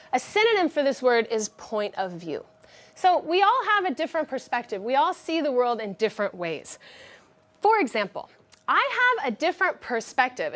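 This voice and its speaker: A woman teacher leading a classroom vocabulary lesson, speaking clearly and directively and praising her students often. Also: sits high, fairly bright tone.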